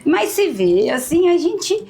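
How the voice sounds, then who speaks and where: Lady teacher, high voice, emotional story, keeps repeating herself. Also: very animated, takes it slowly, creaky, dark tone. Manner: emotional, repetitive, often addresses the host by name. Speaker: teacher, interview guest. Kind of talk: heartfelt personal storytelling.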